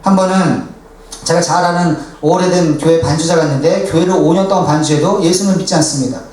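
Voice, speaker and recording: A high-voiced male pastor preaches earnestly, telling stories and voicing the people in them. His voice rings through a very echoey church from some distance away, with faint hiss underneath. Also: fairly even intonation, fast talker. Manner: earnest preaching, acts out quoted dialogue. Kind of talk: sermon with storytelling. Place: church sanctuary.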